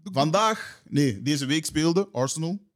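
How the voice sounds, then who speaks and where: A man's voice: on the high side, animated, unhurried. A man running a casual football quiz, playful and slipping into English phrases. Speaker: quizmaster on a football talk show. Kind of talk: casual quiz hosting with banter.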